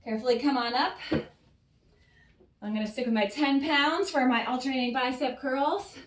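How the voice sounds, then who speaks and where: Breathy woman coaching a workout. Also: high voice, normal speed, recorded from a distance. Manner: encouraging, cueing breaths and reps. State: a little out of breath. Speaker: fitness coach. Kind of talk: workout instruction. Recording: roomy sound, voice off-mic.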